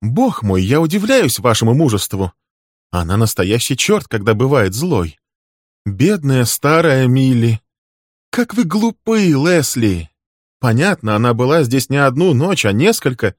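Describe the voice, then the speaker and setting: A man voicing a carefree middle-aged businessman who talks in a bright, laughing tone. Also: medium pitch, big pitch swings, measured pace, dry recording, clean studio sound, pitched above the performer's own voice. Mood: amused.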